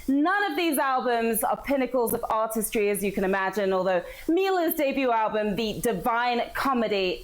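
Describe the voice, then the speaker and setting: Woman, quiz host, high voice, unhurried, sing-song, playful, music behind. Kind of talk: upbeat live game show hosting. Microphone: played through a phone app. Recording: background music from the app.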